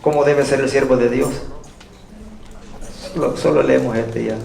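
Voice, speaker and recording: A man's voice: medium pitch, steady tone, moderate pace, gravelly, darkish tone. A male pastor preaching a sermon, calling rhetorical questions out to his congregation. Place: church sanctuary. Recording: echoey church room from far off.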